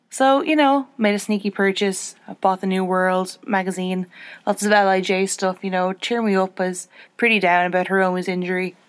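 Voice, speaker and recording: A young woman hosts her podcast in easygoing, casual chat. She is chatty and self-deprecating, and her voice jumps up in pitch when she gets excited. The sound is dry and close, with no room in it. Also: dry recording. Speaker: podcast host.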